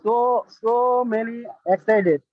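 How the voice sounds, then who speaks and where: Halting high-voiced man on a call. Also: dry recording. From Bangladesh. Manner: speaks in short broken phrases. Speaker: webinar caller. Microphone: video call. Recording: dull lo-fi dry call audio.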